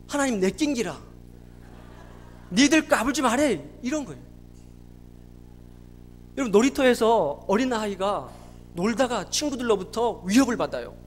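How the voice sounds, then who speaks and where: A man, a pastor, preaching a sermon with emphatic rhetorical questions. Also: very high voice. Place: church sanctuary. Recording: long church reverb, faint hum.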